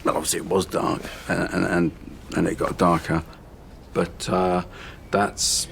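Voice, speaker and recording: A man's voice: deep voice, little pitch movement, a little slow, gravelly, fairly bright tone, a little hiss or hum, full character voice. An actor playing a nervous comedian held hostage, stammering and placating, tripping over his words. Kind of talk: television sitcom acting.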